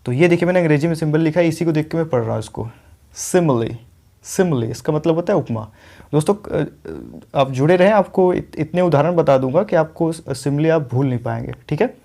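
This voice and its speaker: A man teaching an English lesson, explaining pronunciation step by step and repeating each word slowly for his viewers. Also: a little high, creaky, mellow. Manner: often adds "ठीक है" and addresses viewers as friends.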